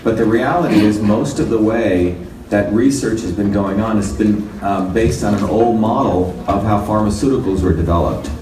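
A man's voice: lowish voice, normal speed, mellow. Man lecturing from across a roomy hall. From India. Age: 50s. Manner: explanatory, conversational lecturing. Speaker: company chairman giving a conference talk. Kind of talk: lecture with slides. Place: conference room. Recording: roomy hall, far from mic, faint noise.

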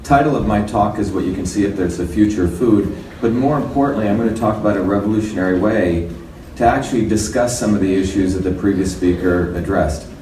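A man's voice: on the low side, fast, darkish tone. A man in his fifties from India, giving a conversational, explanatory conference talk with slides. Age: 50s. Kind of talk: lecture with slides. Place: conference room. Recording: roomy hall, far from mic, faint noise.

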